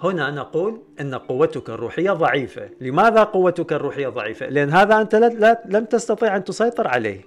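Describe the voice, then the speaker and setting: A man giving a spiritual lecture, repeating phrases again and again and swinging from loud raised bursts down to low murmurs. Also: sing-song, fast talker, few pauses. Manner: repetitive, chanting phrases over and over. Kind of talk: metaphysics lecture to a camera.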